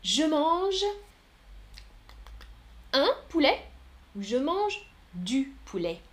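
A woman teaches a French lesson on a live stream, talking very slowly and clearly as she counts aloud and answers the chat. Her voice sits high and moves a great deal. Now and then she drops a word to a soft whisper. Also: big pitch swings.

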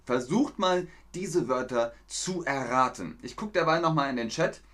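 Man, German teacher, livestream lesson, chatty, explanatory, mid-pitched voice. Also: lively intonation, moderate pace, fairly bright tone. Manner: explanatory, chatty, answers viewers' chat questions. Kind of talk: livestream language lesson reading chat.

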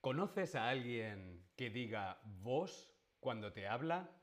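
Slow, patient teacher, a man. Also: medium pitch, big pitch swings. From Spain. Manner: slow, patient, with rhetorical questions to the viewer. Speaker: Spanish teacher. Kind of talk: online language lesson.

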